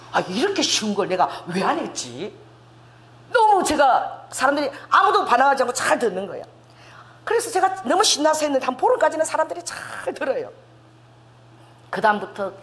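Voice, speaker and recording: Female preacher, 40s, lively testimony-style sermon, lots of melodic swing in the voice. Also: fairly high pitch. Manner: animated storytelling, acting out dialogue, laughing and tearful at times.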